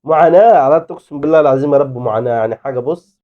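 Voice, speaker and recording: A man with an Egyptian Arabic accent, giving excitable live commentary on his own football game as a gaming YouTuber. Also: mid-range voice, very fast, phone-quality sound. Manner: excitable, exclaiming and pleading at the game.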